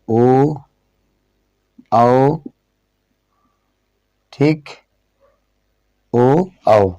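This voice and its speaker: A man teaching a lesson, slowly repeating phrases and asking questions that he then answers himself, sometimes drawing words out as he writes on a board. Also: mid-range voice, dark tone, no room sound. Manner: drawn-out dictation while writing on a board. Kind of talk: classroom lesson.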